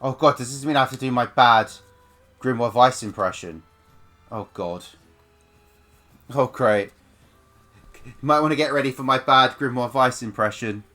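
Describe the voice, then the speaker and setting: A man's voice: medium pitch, moderate pace, long pauses, sharp tone, soft background music. A man giving casual gameplay commentary as a streamer, with sarcastic, offhand remarks. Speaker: let's play streamer.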